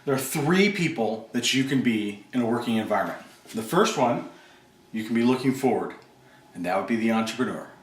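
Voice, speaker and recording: Brief: male business coach, mid-pitched, lecturing with emphasis, far mic. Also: lively intonation, fairly quick. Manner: emphatic, rhetorical questions. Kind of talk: instructional talk. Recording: roomy, distant mic.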